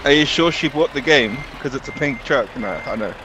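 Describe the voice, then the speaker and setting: A thirty-year-old man talks at a middling pitch, patiently explaining things over game voice chat. Clear noise hisses under his voice. He sounds unhurried and plain. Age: 30s. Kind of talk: casual voice chat while gaming.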